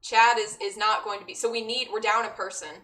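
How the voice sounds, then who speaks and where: A woman's voice: medium pitch, fairly even intonation, brisk, bright, forceful tone, recorded from a distance. A woman playing a tabletop game, talking eagerly about her character's plans. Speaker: player. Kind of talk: casual tabletop play.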